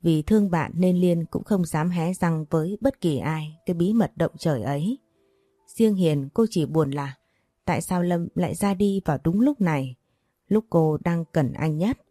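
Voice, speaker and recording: A woman narrating a scripted story in an even, steady reading voice. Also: lowish voice, normal speed, dry recording, studio quality. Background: soft background music.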